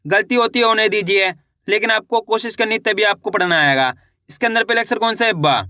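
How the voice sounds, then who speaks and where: A man teaching beginners to read, sounding out each letter slowly and encouraging his viewers, checking often whether they follow. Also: high voice, pushed and bright, no room sound, clean studio sound. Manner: encouraging, addresses viewers as friends. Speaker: reading teacher. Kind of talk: beginner reading lesson.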